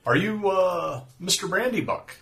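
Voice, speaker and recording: A man's voice: sits high, animated, unhurried, creaky, fairly bright tone. A man playing a character in a tabletop game, talking hesitantly with stumbles. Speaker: player. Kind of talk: tabletop role-play chat.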